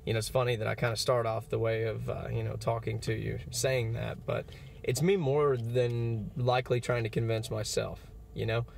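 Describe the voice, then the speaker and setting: A man's voice: medium pitch, level tone, normal speed, creaky, darkish tone, a little hiss or hum. A man in his twenties giving an earnest, encouraging motivational talk to camera, with fillers like "you know". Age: 20s. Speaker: motivational vlogger.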